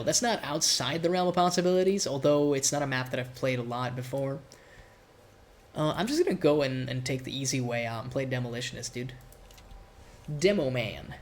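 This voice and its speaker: A man at a mid pitch speaks with a nasal, congested sound, as if recovering from a cold. He rambles casually through gameplay commentary and drops the odd swear. A faint room noise sits under his voice. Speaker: streamer.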